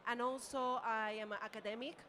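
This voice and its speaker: A woman from Venezuela, a scientist and startup founder, introducing herself in an earnest, steady way. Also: on the high side, a little fast. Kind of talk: conference self-introduction. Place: conference room with audience.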